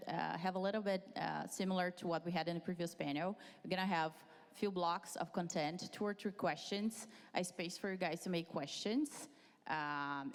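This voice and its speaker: A woman moderating a conference fireside chat, asking questions with a hesitant, halting delivery. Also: fairly low pitch, big-room sound. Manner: hesitant, many fillers and restarts. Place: conference stage.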